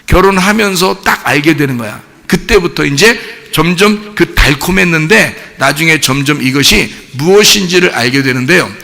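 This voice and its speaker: Animated high-voiced male pastor preaching. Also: moderate pace, gravelly, few pauses. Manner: animated, asks the congregation questions and acts out cheering crowds. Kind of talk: sermon. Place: church sanctuary. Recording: church hall with long reverb.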